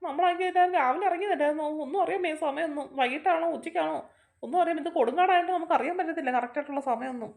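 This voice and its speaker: A fretful old grandmother, played by a woman frets out loud about the lost children in a kids' fan drama. She speaks very high and very fast, and her worried lines tumble over each other. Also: vocal fry. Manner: anxious, exclaiming.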